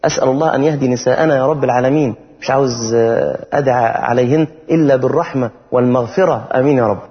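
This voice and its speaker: A man preaching with an Egyptian Arabic accent, talking casually and lively, then slowing down to chant verses in a melodic tone. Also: medium pitch. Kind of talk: sermon. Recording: dull sound with long hall reverb.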